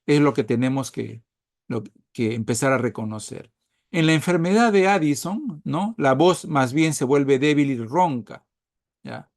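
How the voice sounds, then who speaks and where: Lively man giving a dry-sounding lecture. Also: mid-range voice, dry recording. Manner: frequent tag questions, animated emphasis. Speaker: medical lecturer. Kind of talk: recorded medical lecture.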